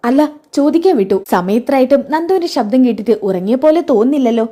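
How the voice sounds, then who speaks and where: A woman's voice: sits high, expressive, quick pace, dark tone. A woman reading as a pushy lovesick young man. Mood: pleading.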